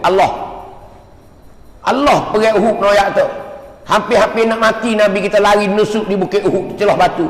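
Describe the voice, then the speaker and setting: High-voiced preacher. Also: male voice. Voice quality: repetitive, emotive. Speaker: religious teacher. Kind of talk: emotional religious storytelling. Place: mosque. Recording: echoey mosque hall.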